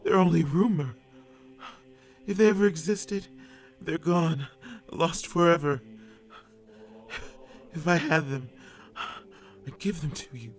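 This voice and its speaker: A man's voice: a little high, slow pace, pauses often, pitched above the performer's own voice. A man voicing a frightened old Italian man who pleads and stammers for his life. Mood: pleading. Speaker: audiobook character.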